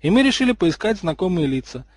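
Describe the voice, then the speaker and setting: Guy reading a bold teasing schoolgirl, pitched up a bit, dry sound. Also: big pitch swings, fast, no echo. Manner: cheeky, teasing.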